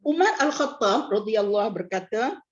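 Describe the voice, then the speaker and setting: A woman's voice: medium pitch, lively intonation, moderate pace. A woman religious teacher gives a casual hadith lesson, chatty and joking, with repeated fillers. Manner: chatty, repeats "nak, nak" as filler, jokes and laughs. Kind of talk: casual hadith class lecture. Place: prayer hall class. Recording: dull lo-fi recording.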